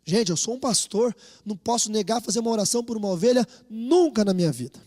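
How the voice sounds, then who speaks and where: With a Brazilian Portuguese accent and a strikingly high voice for a man, a Brazilian pastor preaches a lively sermon at a fast clip. He tells animated stories and rouses the congregation to call out and repeat after him, his words ringing through a church hall with a long, trailing reverb.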